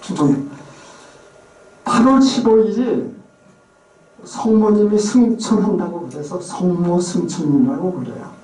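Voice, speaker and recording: A lecturer on place names gives an informal, chatty talk in a high, warm voice, speaking a little slowly with long pauses. He often imitates regional pronunciations. The mic is far away in an echoey room.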